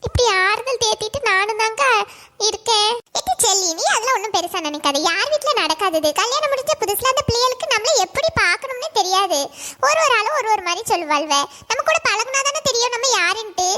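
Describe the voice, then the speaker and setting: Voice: extremely high pitch, expressive, a little fast, pushed and bright, heavily acted. A performer voicing a worried village mother from a cartoon, chatting homely. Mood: comforting. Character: worried village mother arranging her son's marriage.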